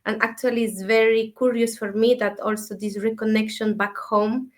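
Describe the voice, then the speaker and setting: Soft-spoken woman from Ecuador, flat tone. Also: fairly high pitch, moderate pace. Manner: soft-spoken, thoughtful, many fillers. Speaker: dream mentor, guest. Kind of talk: casual interview talk.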